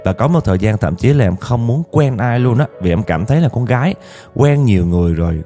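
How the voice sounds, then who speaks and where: A man's voice: medium pitch, expressive, a little fast, mellow, soft background music. A man with a Southern Vietnamese accent telling a listener's life story in the first person, in a chatty, confiding way that addresses the audience.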